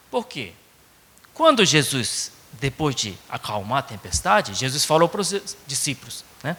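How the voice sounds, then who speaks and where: Japanese-accented man preaching, bright and unhurried, casual tag questions, long church reverb. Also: mid-range voice, sing-song, breathy edge. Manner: conversational, frequent tag questions. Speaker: pastor. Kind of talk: sermon. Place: church sanctuary.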